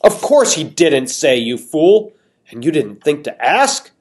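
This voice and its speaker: A man voicing a cruel, pompous tyrant king who makes menacing, slow proclamations. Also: fairly high pitch, sing-song, darkish tone. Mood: proclaiming.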